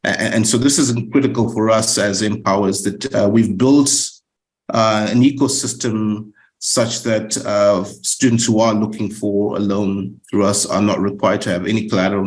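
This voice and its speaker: Presenting a webinar on behalf of a student lender, this middle-aged man from Zimbabwe uses many fillers and repeats himself often. He speaks at normal speed in a fairly low, steady voice, and the recording is poor.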